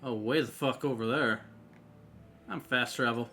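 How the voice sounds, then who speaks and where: A man's voice: medium pitch, measured pace, sharp tone. A man streaming a video game, making laid-back, casual comments, laughing often and swearing now and then. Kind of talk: gameplay commentary. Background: game music and voices.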